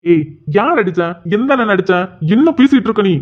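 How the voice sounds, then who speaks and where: A woman's voice: on the high side, animated, fairly quick. A woman voicing an arrogant, hot-tempered bullying schoolboy in a cartoon, sneering and scolding. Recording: tinny phone-like audio.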